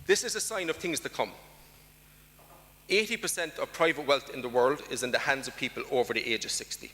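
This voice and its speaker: A long reverb tail follows this Irish conference speaker, whose voice is medium in pitch and sharp in tone, his pace a little fast. Addressing a large hall, he speaks emphatically and puts rhetorical questions to the audience.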